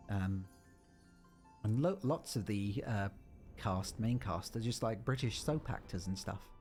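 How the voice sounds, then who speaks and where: A man's voice: fairly low pitch, darkish tone. A man streaming a game, giving casual, chatty commentary with rambling asides. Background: game music.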